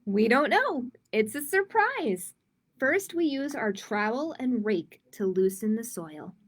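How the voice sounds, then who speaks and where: This adult woman, a children's library host, takes her time reading picture books aloud in a live-streamed online storytime for little kids. Her fairly high voice is sing-song and expressive, and she drops in informal comments to viewers.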